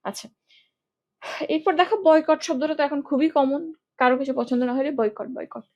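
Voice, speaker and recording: A woman's voice: high voice, brisk, a little mellow, muffled recording. A young woman teaching an English spelling class in a chatty, playful way, quizzing students and using mnemonics.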